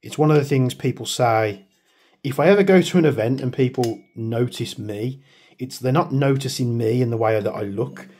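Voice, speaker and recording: A British airsoft video maker chats his way through a hands-on product review, rambling and poking fun at his own waffling. His voice is medium-pitched and slightly mellow with a husky quality, and he talks at a normal speed.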